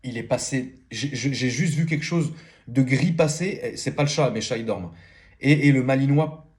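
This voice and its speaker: A man in his thirties talks loosely to his followers late at night, full of slang and filler words. His voice sits at an ordinary middle pitch and he rambles from one thing to the next. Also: normal speed, darkish tone. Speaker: car YouTuber. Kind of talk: casual late-night vlog chat.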